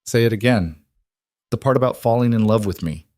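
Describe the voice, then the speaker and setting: A man voicing a gentle, patient frontier man who speaks kindly and without hurry in an audiobook story. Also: medium pitch, no echo, studio quality, natural voice. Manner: gentle, unhurried.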